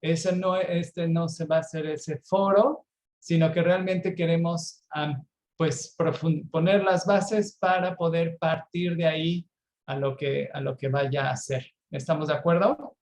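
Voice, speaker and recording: A man from Puerto Vallarta with a Mexican accent, giving an online lecture slowly, with many fillers and check-ins to his listeners. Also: on the high side, fairly even intonation, a little mellow, slight background noise. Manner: slow, unhurried explaining with frequent fillers and check-ins. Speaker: herbal medicine webinar presenter. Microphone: video call.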